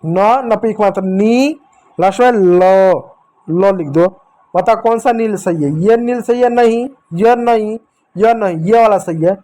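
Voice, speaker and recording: A man with a high-pitched voice leads a children's reading lesson. He sounds out letters one by one, stretching the syllables, and gently coaxes his young listeners to say the words back to him. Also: a little slow. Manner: coaxing, addresses dear children, asks them to repeat. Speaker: teacher.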